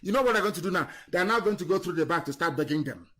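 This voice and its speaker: A fiery man delivers a scornful political monologue on a live online stream, his voice sitting high. He drives points home with repeated jabs, then drops to a low mutter before rising again. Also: expressive, rapid-fire. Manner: fiery, scornful, repetitive insults; swings between loud emphasis and low muttering. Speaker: political broadcaster.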